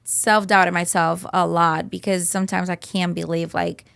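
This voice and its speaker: A woman's voice: lowish voice, little pitch movement, normal speed, gravelly, a bit bright, smooth, no room sound, studio quality. A woman in her thirties from Colombia, a podcast guest chatting casually, laughing often and saying "like" a lot. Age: 30s. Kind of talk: casual interview chat.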